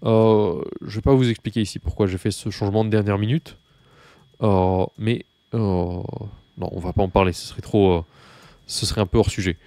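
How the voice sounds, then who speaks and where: Low-voiced man teaching. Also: fairly even intonation, moderate pace, warm tone, no echo. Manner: hesitant, many fillers and restarts; addresses the learner informally, patient explaining. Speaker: Russian language teacher. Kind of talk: spoken language lesson.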